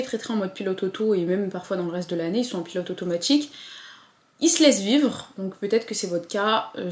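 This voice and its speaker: A woman's voice: medium pitch, darkish tone, echoey room. A woman vlogger talking casually to camera, chatty and encouraging, with frequent fillers. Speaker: lifestyle vlogger. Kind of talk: casual motivational chat to camera.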